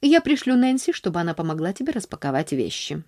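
A woman reading a storybook aloud, voicing a stern, proper middle-aged aunt who talks in slow, clipped, formal commands. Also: on the low side, big pitch swings, a little mellow, no echo, studio quality.

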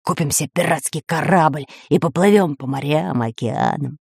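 A woman voicing a greedy, scheming male pirate who is a sidekick and sometimes talks in a hushed, plotting way. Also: sits low, moderate pace, gravelly, no room sound, clean studio sound.

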